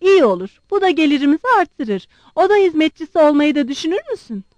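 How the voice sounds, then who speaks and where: A woman reading aloud and voicing a proud, blunt young woman who questions her suitor sharply and quickly. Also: sits high, big pitch swings, a little mellow, no room sound, voice pushed up. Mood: sharp demanding.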